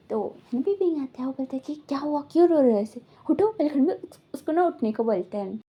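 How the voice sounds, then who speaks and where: A woman's voice: on the high side, breathy edge, highs cut off. A woman casually retelling a fan-fiction story in a chatty way, acting out the dialogue.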